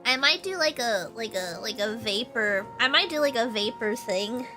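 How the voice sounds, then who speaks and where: A young woman streams a game with game music playing behind her, her voice on the high side with lively intonation, a sharp tone and normal speed. Her nose is stuffy from allergies as she chats casually and rambles, using plenty of fillers.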